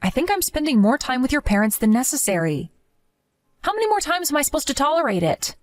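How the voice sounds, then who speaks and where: A woman's voice: high voice, very animated, quick pace. A woman voicing Lily, a young wife who complains about unfair treatment by her in-laws in a dramatized chat story. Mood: aggrieved. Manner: aggrieved, complaining.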